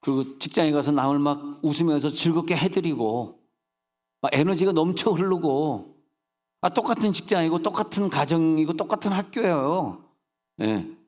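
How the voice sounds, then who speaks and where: This man's voice runs on the high side, animated and darkish, at a normal speed. Preaching as a senior pastor in a church sanctuary, he shares humorous folksy stories with funny asides and rhetorical check-ins to the congregation, recorded with long hall reverb.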